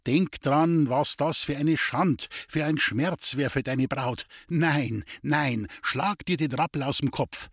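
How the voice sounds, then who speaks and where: A man voicing an earnest village priest who admonishes in a measured way. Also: on the high side, a bit bright, slightly rough, no room sound, studio quality, exaggerated voice. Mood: admonishing.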